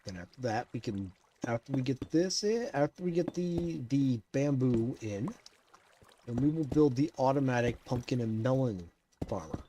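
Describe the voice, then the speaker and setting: A sleepy man gives laid-back game commentary, half talking to himself as he works. His voice sits at an everyday middle pitch. His chatter rambles loosely along. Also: normal speed, a little hiss or hum. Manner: talks to himself while building, relaxed and rambling. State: tired, yawning. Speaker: video game player.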